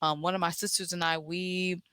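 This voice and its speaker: Southern woman host, bright direct coaching voice, dry close mic, talks straight to listeners. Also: fairly low pitch, normal speed, clear, resonant tone, dry recording. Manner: energetic, direct, coaching with rhetorical questions. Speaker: podcast host and business coach for therapists. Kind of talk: solo podcast teaching.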